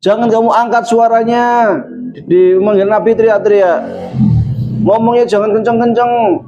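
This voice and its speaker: An Islamic religious teacher gives a moral lesson on good manners, acting out little quoted scenes along the way. His voice is high and dark, with a steady tone and moderate pace. The recording is dull and lo-fi.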